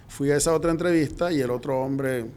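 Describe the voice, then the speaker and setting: A middle-aged man from Venezuela, a guest in an interview, telling his story in a lively way and acting out the dialogue. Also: on the high side, a little fast, a little hiss or hum. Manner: lively anecdotal, acts out quoted dialogue.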